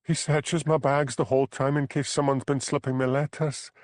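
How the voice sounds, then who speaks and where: Speaking in a natural voice with little pitch movement and a moderate pace, a man performs a character in an audiobook. She's an anxious young crofter's wife, tearful and trapped in an unhappy marriage, voiced as pleading, plaintive and high-pitched. The studio-quality recording has no echo.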